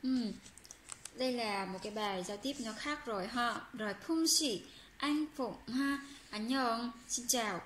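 Brief: woman language teacher, high voice, patient and repetitive delivery, roomy recording. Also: fairly bright tone. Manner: patient, repeats phrases slowly for learners; reads Korean example sentences quickly. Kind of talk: explaining a language lesson. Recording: roomy with faint background hum.

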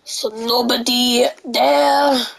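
A woman narrating her own moves during VR gameplay, excitable and prone to sudden shrieks. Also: a little high, drawn-out words, gravelly, low-quality recording. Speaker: gaming channel host. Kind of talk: VR gameplay commentary.

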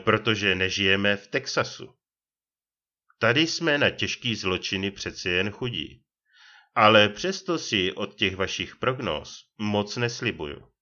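A man's voice: lowish voice, animated, pushed and bright, highs cut off. A man voicing an indignant, exasperated police first lieutenant who scolds in rising tones. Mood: ironic.

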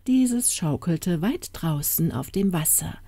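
A woman reads a fairy tale aloud in a slow, soothing way. Her voice is mellow and lower, with a lively, rising and falling melody. The recording is close and dry. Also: dry recording. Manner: calm, soothing storytelling. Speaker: audiobook narrator.

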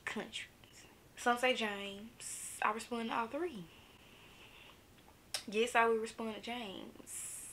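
Twenties woman, Southern Memphis accent, casual vlogger, easygoing and chatty, slightly raised pitch. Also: steady tone, slow, pauses often, fairly bright tone, slight background noise. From Memphis, Tennessee, USA. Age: 20s. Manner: chatty, laid-back, laughs often, drops into asides. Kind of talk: casual get-to-know-me vlog.

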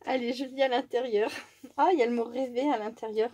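Woman vlogger, casual and rambling, trips over her words and laughs a lot; higher voice, dry recording. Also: fairly even intonation, fast, no room sound. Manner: rambling, self-correcting, giggly, drops to a hush at times. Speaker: craft YouTuber opening fan mail. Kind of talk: casual chatty vlog.

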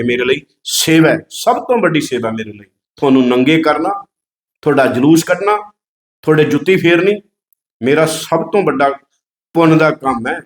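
Fiery, combative man in echoey room. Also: mid-range voice. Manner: combative, repetitive, rhetorical questions. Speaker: political commentator. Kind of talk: fiery political monologue.

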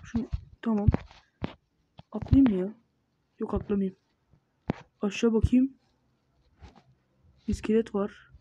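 A woman's voice: mid-range voice, steady tone, slow pace, pauses often. Woman gaming and talking to herself, bossing the monsters around, kinda dull muffled mic with hiss and clicky keys behind. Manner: mutters running self-talk, scolds the monsters. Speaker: gamer. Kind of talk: casual gameplay commentary.

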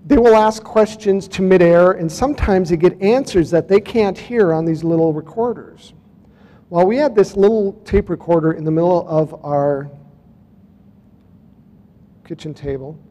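A man with a fairly high yet mellow, dark-toned voice tells his story at a conference in a loose, chatty way. He reads out dates and turns to the crowd now and then. His voice rings out with a long hall reverb. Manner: casual storytelling, reading out dates, addressing the audience. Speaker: speaker at a UFO conference. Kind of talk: conference talk presenting photos and clips.

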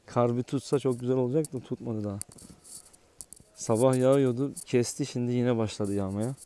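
A man vlogging outdoors in the snowy countryside with his dogs, talking calmly in a low, even voice. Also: moderate pace. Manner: calm and low when talking to camera, yelling at the dog. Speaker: dog owner vlogger. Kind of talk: casual outdoor vlog.

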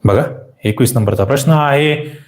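A man teaching a live online exam-prep grammar class, quizzing viewers, repeating questions and pushing for quick answers. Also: mid-range voice, echoey room.

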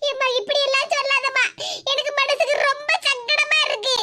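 Very high-voiced soothing village daughter. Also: female voice, little pitch movement, brisk. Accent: Kanyakumari Tamil. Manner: soothing, affectionate, coaxing. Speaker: doting daughter in a skit. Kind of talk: comic village skit. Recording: loud background noise.

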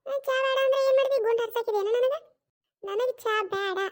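A grumpy, stubborn old mother-in-law in a cartoon comedy skit, voiced by one performer who plays both parts. She scolds and refuses in a North Karnataka Kannada accent. Her voice is shrill and very high, and her retorts come quick and clipped. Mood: irritated.

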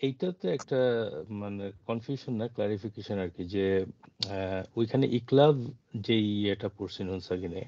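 A man in an online class asks a polite, halting question about a recitation rule. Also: fairly low pitch, mellow. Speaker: student in class. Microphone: video call. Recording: muffled lo-fi video call audio.

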